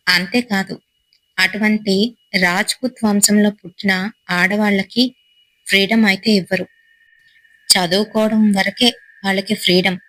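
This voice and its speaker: A woman's voice: mid-range voice, no echo, poor audio. Woman telling a horror story. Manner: steady suspenseful storytelling, short phrases.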